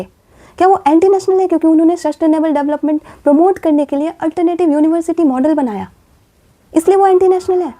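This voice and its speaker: A woman's voice: high-pitched, mellow. A woman hosting a commentary vlog, speaking with passion and asking pointed rhetorical questions. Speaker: vlogger.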